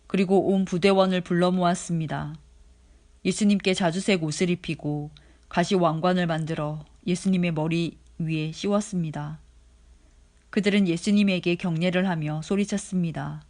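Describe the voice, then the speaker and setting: Daily Bible reader, measured and steady, mid-range pitch. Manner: steady, measured reading pace. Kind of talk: scripture reading.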